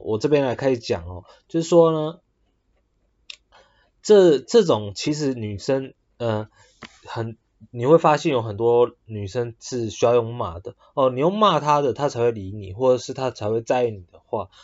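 A man hosting a podcast monologue, halting and full of fillers and restarts. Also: mid-range voice, a little mellow, highs cut off. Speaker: podcast host. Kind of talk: casual monologue.

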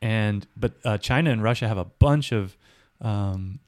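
A man leads a casual podcast chat, working through his points with homely comparisons. His voice sits low and is recorded dry and close, with no room around it. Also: unhurried, no room sound. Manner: explains at length with analogies. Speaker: podcast co-host. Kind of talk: casual discussion.

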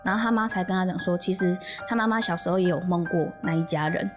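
A woman with a Taiwanese Mandarin accent, hosting a podcast and telling a spooky story in a casual, animated way, often laughing as she goes. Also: lowish voice, fast talker, over music. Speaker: podcast host.

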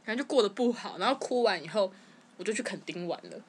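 A young woman with a Taiwanese Mandarin accent, telling her story as a podcast guest in casual chat, animated and often stumbling over repeated words. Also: medium pitch, fast talker, slight background noise. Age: young adult.

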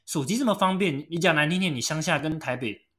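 A man's voice: fairly high pitch, fast, fairly bright tone. A man from Taiwan's outlying islands with a Taiwanese Mandarin accent, chatting casually, teasing and finishing his co-host's punchlines. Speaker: podcast co-host. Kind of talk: casual chat.

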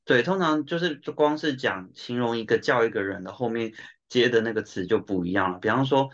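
Brisk and fairly bright, this mid-range male voice carries a Taiwanese Mandarin accent. The podcaster, who lives and works in Japan, chats casually, uses examples to explain, and sprinkles in Japanese and English words, all over dull, lo-fi audio.

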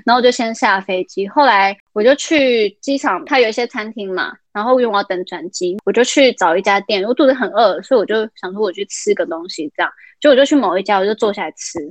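A young adult woman recording remotely as a podcast guest, telling a story in a lively casual way. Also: mid-range voice, quick pace, few pauses, no echo. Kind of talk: casual chat.

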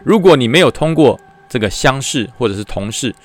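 A man with a Taiwanese Mandarin accent tells a story podcast in a lively, chatty way, recounting his army days as a battalion commander. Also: mid-range voice, fairly quick, faint music behind. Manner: lively, chatty, acts out the voices.

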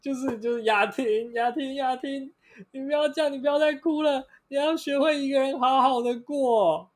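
A man voicing a melodramatic young woman who comforts a crying friend in a high, whiny, drawn-out voice, with a Taiwanese Mandarin accent. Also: fairly even intonation. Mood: pleading.

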